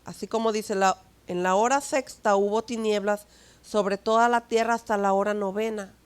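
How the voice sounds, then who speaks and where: A woman pastor with a Mexican Spanish accent preaching a sermon, full of rhetorical asides and tag questions, swinging between soft asides and emphatic declarations. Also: medium pitch, steady tone, normal speed, clean tone.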